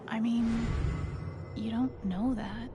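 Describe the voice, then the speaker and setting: A woman's voice: on the high side, steady tone, slow pace, over music. A woman acting a kind, self-doubting young woman in a video game, musing hesitantly. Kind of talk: video game dialogue and inner monologue.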